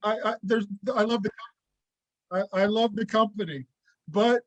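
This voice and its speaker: A man talking on a group video call with a breaking-up connection, halting and restarting as he speaks. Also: high voice, fairly bright tone, no echo, dull audio. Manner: halting, with many stammered restarts. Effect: on a video call with a choppy, breaking-up connection. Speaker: guest member of the group. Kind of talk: casual chat on a group call.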